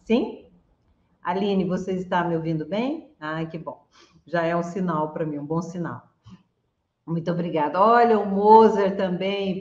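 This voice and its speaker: A woman hosting an interview over a video call, effusive and quick to laugh. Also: mid-range voice. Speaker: host. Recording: roomy, dull lo-fi video call audio.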